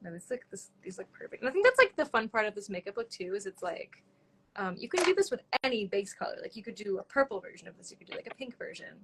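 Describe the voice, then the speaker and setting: A woman's voice: medium pitch, sing-song, fast talker, noisy background. A young woman chatting casually as she does makeup on a live stream, saying "like" a lot and laughing easily. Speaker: makeup artist. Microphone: phone on a live stream.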